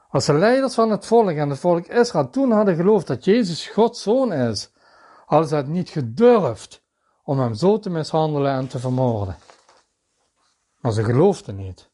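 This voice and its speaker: A man's voice: sits high, dark tone. A man preaching a sermon in an earnest manner, reading scripture passages aloud and naming their verses.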